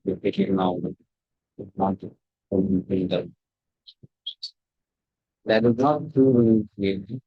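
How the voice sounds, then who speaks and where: A man teaching an online scripture class over a video call, his voice muffled as if heard through a wall, talking in halting phrases with many restarts. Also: on the low side, breathy edge, no room sound. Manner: halting, with frequent restarts and fillers. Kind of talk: lecture with questions to students. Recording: dull, lo-fi, dry computer mic.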